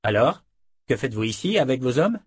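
A man's voice: medium pitch, very animated, fairly quick, slightly rough, dry recording, clean studio sound. A man voicing a stern young woman warrior leader, commanding and indignant in a storybook reading. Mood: questioning.

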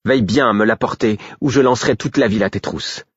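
A defiant, sharp-tongued young woman, as a male narrator puts her on spits out mockery in a raised, husky storybook voice. The recording is dull and lo-fi, and the voice sits dry and close. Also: on the low side, fast, no room sound, voice pushed up. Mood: threatening. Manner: mocking, contemptuous.

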